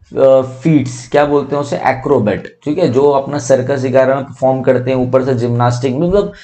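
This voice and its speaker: A young male tutor with a dark, mellow voice works through an exam vocabulary list. He explains in Hindi, mixes in English terms and drags out each English definition slowly. He spells words letter by letter and keeps asking what the word is called. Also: mid-range voice. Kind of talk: exam-prep vocabulary lesson.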